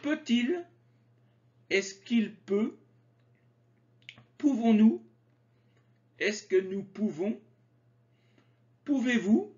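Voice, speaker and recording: A man teaching French grammar, slowly and carefully articulating conjugation drills. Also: high-pitched, animated, darkish tone. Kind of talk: slow grammar lesson with drills. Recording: slightly dull lo-fi sound.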